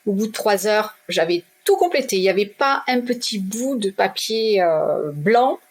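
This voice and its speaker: A middle-aged woman from southwest France tells her story as an interview guest. Her voice is husky, and her delivery is direct and lively, slipping into the voices of the people in her tale. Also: mid-range voice, moderate pace. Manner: direct, lively, acts out dialogue. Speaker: guest, shop owner. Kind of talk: animated personal storytelling.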